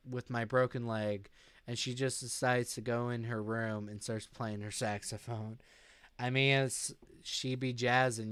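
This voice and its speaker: A young man chatting casually on a live stream, reading out chat messages and answering them. He sounds sleep deprived and talks in a slow, drowsy way. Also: mid-range voice, a bit bright, clear, resonant tone, no echo, clean studio sound.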